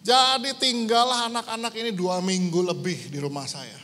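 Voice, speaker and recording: A middle-aged man from Indonesia preaching a sermon as a pastor, telling a story and dropping English phrases into his talk. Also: moderate pace. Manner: storytelling, lively swings in pitch and loudness, mixing in English phrases. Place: church hall. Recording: church hall with long reverb.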